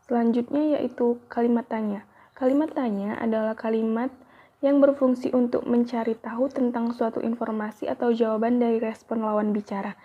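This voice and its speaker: A woman's voice: on the high side, fairly even intonation, normal speed. A young woman, a university student, reads a grammar lesson aloud carefully, with small slips. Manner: careful, evenly paced reading with small slips. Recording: tinny phone-like audio.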